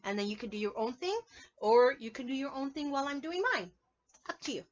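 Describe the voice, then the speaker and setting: A preschool teacher with a high, expressive voice speaks briskly, reading aloud and leading a drawing lesson for young children. Playful and encouraging, she often asks her listeners questions; the recording is muffled with slight background noise.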